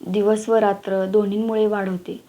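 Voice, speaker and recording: A woman reading a story aloud, with steady, even delivery and small shifts for the characters' lines. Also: medium pitch, moderate pace, lo-fi sound.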